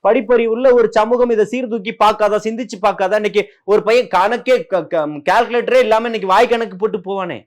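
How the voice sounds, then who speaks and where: A man's voice: high voice, fairly quick. A man from as a guest in a heated political interview, combative and firing off rhetorical questions.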